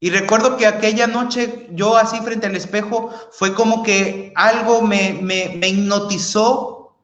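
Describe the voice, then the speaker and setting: Slow, earnest man testifying. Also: high voice, fairly even intonation, a bit bright. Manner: earnest, addresses listeners as brothers and sisters. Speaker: guest giving testimony. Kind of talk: emotional religious testimony. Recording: roomy echo.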